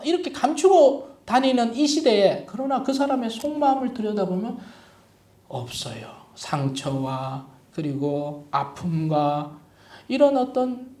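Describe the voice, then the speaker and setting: A male pastor preaching a sermon, lively and humorous, often asking the congregation questions. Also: high-pitched. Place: church sanctuary. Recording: echoey church hall from a distant mic.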